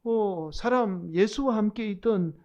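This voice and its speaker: A man's voice: sits high, unhurried, darkish tone, lo-fi sound. A male pastor voicing an accusing bystander who questions a suspect. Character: accusing Seoul bystander, adult.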